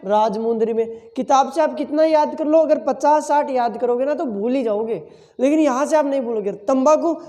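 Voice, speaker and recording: High-voiced man teaching, echoing room. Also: mellow. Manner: asks questions and answers them himself; repeats key words several times. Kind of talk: exam-prep lesson with memory tricks.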